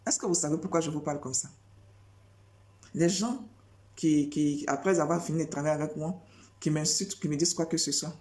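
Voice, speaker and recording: Prédicatrice à la voix grave et sombre. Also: female voice, low voice, a little fast, pauses often, a little mellow. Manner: repetitive, rhetorical questions, emphatic. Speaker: preacher. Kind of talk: spontaneous preaching monologue.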